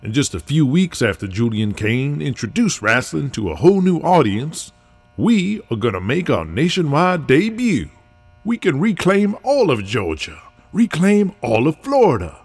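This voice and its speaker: Husky gruff wrestling veteran, folksy, animated, voiced by a man. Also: on the high side, voice pushed up, heavily acted. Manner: rousing, folksy, determined. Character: gruff male veteran wrestling legend, rallying.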